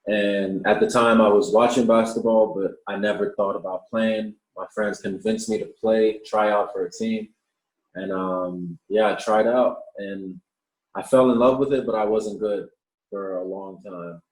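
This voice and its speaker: Low-voiced young man in an echoey room. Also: measured pace. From Australia. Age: 20s. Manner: relaxed, repeats words when starting sentences. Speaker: professional basketball player, guest. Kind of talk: casual interview answers.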